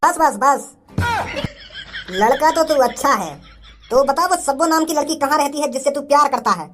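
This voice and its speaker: A man's voice: very high-pitched, moderate pace, fairly bright tone. A man voicing a hot-tempered rustic cartoon father. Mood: pleased. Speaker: girl's father. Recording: faint background music.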